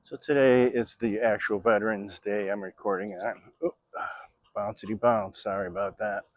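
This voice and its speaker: This man's fairly low voice stays fairly even at a moderate pace, with no echo. He's a Florida vlogger in his sixties chatting casually while biking a trail outdoors, rambling along with many fillers.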